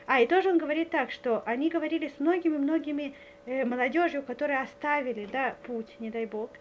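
A woman's voice: high voice, quick pace, dull audio, slight background noise. A woman giving a spiritual lecture full of stories. She speaks earnestly, often checks whether her listeners follow, and hesitates with many filler sounds. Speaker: religious lecturer.

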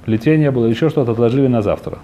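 Rapid-fire and mellow, a medium-pitched male voice works through an informal lesson on a religious text, explaining and translating while often hunting for words and rephrasing. He describes himself as not fully fluent in Russian. The audio is dull, with slight background noise.

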